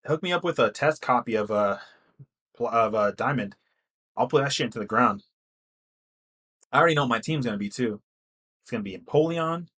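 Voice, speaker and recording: A man's voice: mid-range voice, animated, fairly quick, pauses often, fairly bright tone, slightly rough. A young man co-hosting a podcast in casual chat, rambling and swearing freely. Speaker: podcast co-host.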